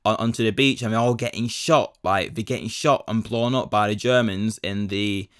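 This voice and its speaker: Rambling young man, low voice. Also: moderate pace, fairly bright tone, no echo, clean studio sound. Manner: rambling, slangy, full of fillers and 'do you know what I mean'. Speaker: podcast host. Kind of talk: casual solo storytelling.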